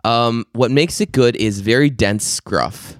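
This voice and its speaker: A man's voice: mid-range voice, unhurried, dry recording, clean studio sound. A man co-hosting a podcast, rambling and laughing through crude, casual stories. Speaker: podcast co-host. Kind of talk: casual chat.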